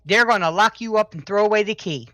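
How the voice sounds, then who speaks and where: Woman, mid-pitch, hesitant casual talker, dry close mic with faint music. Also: fast talker, fairly bright tone, no echo. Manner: conversational, hesitant, many fillers. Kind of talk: casual chat.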